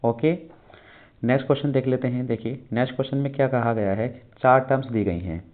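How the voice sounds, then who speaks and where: A man teaching an exam-prep class, putting a question to his students and then answering it himself. He reads English questions aloud slowly and mixes English terms into Hindi. His voice is mid-pitched and comes through a narrow, phone-like band. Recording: tinny phone-like sound.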